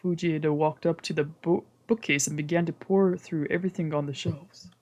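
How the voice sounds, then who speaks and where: A streamer with a medium-pitched, slightly mellow voice reads a visual novel aloud at a moderate pace, her tone steady. She voices the game narration in first person and translates the lines as she goes. She adds whispered asides along the way.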